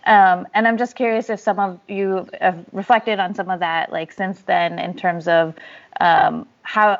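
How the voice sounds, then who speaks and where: Soft-spoken woman asking tentative questions. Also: lowish voice, vocal fry, dull audio. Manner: tentative, hedging with fillers. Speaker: interviewer. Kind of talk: casual interview questions.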